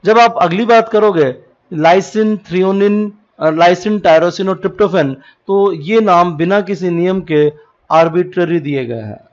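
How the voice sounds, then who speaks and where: Slow lecturing man, lo-fi sound. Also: high-pitched. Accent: North Indian. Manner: mixes Hindi with English terms, spells letters out slowly. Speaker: teacher. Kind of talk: classroom lecture. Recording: dull lo-fi recording.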